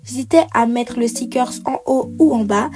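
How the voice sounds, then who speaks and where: A woman's voice: a little high, normal speed, music in the background. A woman giving a chatty craft tutorial voice-over, explaining each step with frequent hesitations. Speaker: bullet journal creator.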